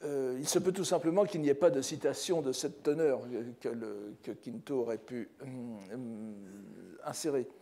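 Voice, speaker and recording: An older man giving a scholarly lecture as a professor, measured and careful, often restarting phrases and adding rhetorical asides. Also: medium pitch, mellow. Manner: measured, scholarly, with frequent restarts and "n'est-ce pas". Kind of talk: academic lecture. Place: lecture hall.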